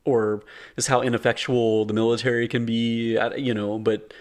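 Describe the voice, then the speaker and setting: A man's voice: mid-range voice, level tone, moderate pace. A man co-hosting a podcast, retelling movie scenes casually with lots of fillers and enthusiasm. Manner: enthusiastic, filler-heavy storytelling. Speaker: podcast co-host. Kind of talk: casual movie review chat.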